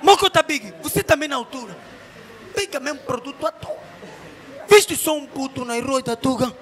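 A male comedian, doing a crude, mocking stand-up roast that switches between shouting and sing-song teasing. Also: extremely high pitch, expressive, moderate pace.

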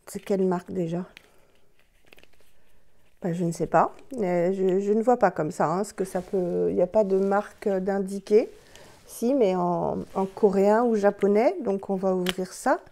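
Woman vlogger, enthusiastic casual product chat, mellow voice, mid pitch. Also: measured pace. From France. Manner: chatty, enthusiastic, talks to herself by name. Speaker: beauty vlogger.

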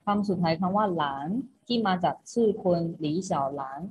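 A woman's voice: fairly low pitch, animated, fairly quick. A woman teacher giving an online class, patiently repeating each instruction. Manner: patient, repeats herself with a polite particle at each phrase end. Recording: muffled recording with faint noise.

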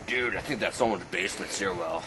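A man outdoors playing along with a friend's silly tasks in a deadpan, mock-tough boasting way. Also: low-pitched, brisk, noisy background. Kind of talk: goofy home-video comedy. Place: outdoors in a neighborhood.

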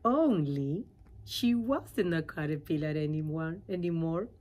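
Using a deep voice, a middle-aged woman gives an animated reading of a children's storybook. She pauses for drama and puts questions to her audience as she goes.

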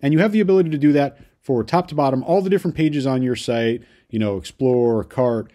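A young adult man walking viewers through a software tutorial in an upbeat way, often tagging his sentences with "right?". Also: medium pitch, brisk. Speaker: online business course creator. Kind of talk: screen-share software tutorial.

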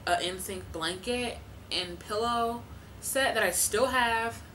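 Chatty twenty-something woman with a bright voice. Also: a little high, takes it slowly, slight background noise, poor audio. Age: 20s. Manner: chatty, laughing, filler-heavy. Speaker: vlogger. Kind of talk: casual chat to camera. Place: living room, indoors.

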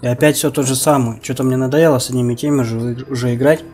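A man's voice: mid-range voice, steady tone, fast, darkish tone. A man giving casual gameplay commentary, muttering running remarks to his opponent as he plays. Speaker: gamer commentating own online matches. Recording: game music behind the voice. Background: fighting game music and sound.

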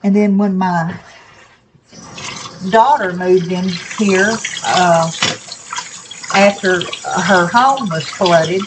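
An older woman with soft, slightly slurred toothless speech, chatting casually to camera in a folksy, plain-spoken, rambling way in her kitchen. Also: on the low side, drawn-out words, long pauses, noisy background. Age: older, 60s or above. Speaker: home cooking vlogger. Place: small home kitchen, indoors.

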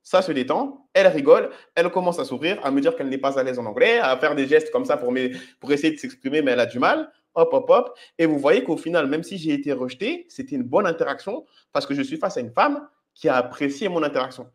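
A man's voice: on the high side, expressive, fast, few pauses. A man comments on footage of his own approaches and explains his dating advice to viewers in a direct, instructive way, often checking in with "ok?". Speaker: dating coach.

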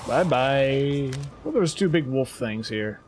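A man's voice: mid-range voice, lively intonation, unhurried, noisy background. A man hosting a gaming channel, giving joking let's-play commentary and talking back to the game. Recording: voice over loud game sound and gunfire. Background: game gunfire and ambience.

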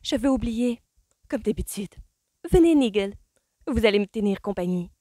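A woman reading an audiobook voices a scatterbrained, giggly young woman in high, bubbly exclamations. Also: normal speed, mellow, slightly rough, no room sound, clean studio sound. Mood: giddy.

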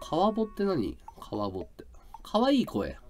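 A male live streamer in casual chat, with a high, carrying voice, explaining his audio setup. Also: huge pitch swings, a little slow, a little mellow, soft background music. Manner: chatty, explains his audio gear and voice tricks. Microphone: desk mic through an audio interface and mixer.

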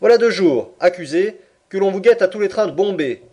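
A man's voice: sits high, animated, brisk, warm tone, slightly rough, voice pushed up. A man voicing a pompous, officious older magistrate in an audiobook. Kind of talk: audiobook character reading.

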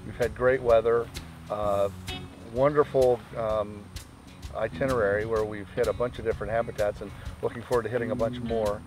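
A man's voice: lowish voice, steady tone, moderate pace, a little mellow, faint music behind. Chatty upbeat man outdoors. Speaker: birdwatching journalist. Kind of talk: interview answers.

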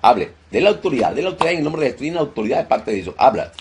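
A male pastor leading a deliverance prayer, loudly commanding and rebuking in a forceful preaching style. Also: medium pitch, sing-song, racing, a little hiss or hum.

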